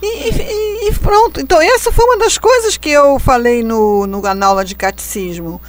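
Ironic woman in relaxed talk. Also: high-pitched, moderate pace. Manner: conversational, ironic, laughs at her own jokes. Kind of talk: casual reflective conversation.

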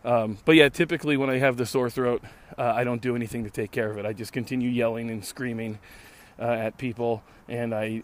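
Sardonic rambling and free swearing fill this casual solo podcast, recorded in a park by its host, a man in his late thirties. His medium-pitched voice is hoarse and giving out.

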